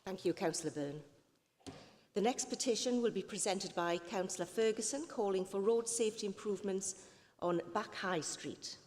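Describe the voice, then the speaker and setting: A woman's voice: mid-range voice, normal speed, darkish tone. A woman serving as Lord Mayor, chairing a city council meeting and calling agenda items, with the odd apologetic slip. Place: council chamber. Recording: council chamber with long reverb.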